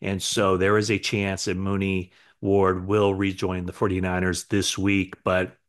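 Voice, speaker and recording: Low-voiced middle-aged man giving a sports news recap. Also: completely flat delivery, unhurried. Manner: conversational, with many fillers and self-corrections. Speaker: sports reporter. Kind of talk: recap to camera. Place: living room with sofa, indoors.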